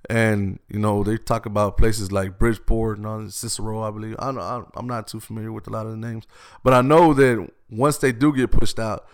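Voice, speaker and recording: A man's voice: on the low side, steady tone, a little fast. A man from Austin, talking earnestly and at length as an interview guest, with frequent restarts. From Austin, Texas. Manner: earnest, heartfelt, rambling with restarts. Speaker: guest, youth gang-prevention worker. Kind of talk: casual conversational interview.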